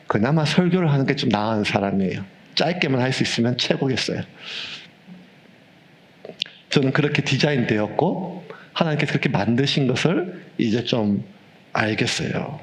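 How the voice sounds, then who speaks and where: A man in his fifties, a pastor preaching a sermon with humorous, animated storytelling. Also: medium pitch. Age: 50s.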